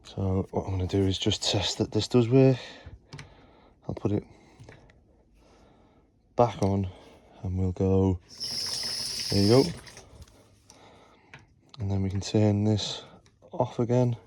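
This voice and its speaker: With long pauses and a slow pace, a man explains each step of his plumbing and wiring work to his phone camera, frequently saying "obviously." His pitch is fairly low, his intonation fairly even, and his tone warm, with some faint background noise.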